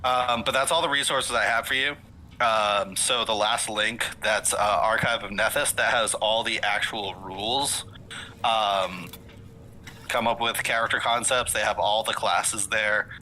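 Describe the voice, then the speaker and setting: Bright-voiced male game master rambling. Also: lowish voice, fairly even intonation, measured pace, a little hiss or hum, poor audio. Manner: rambling, lots of fillers and self-corrections. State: hiccuping. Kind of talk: casual session-zero chat with players.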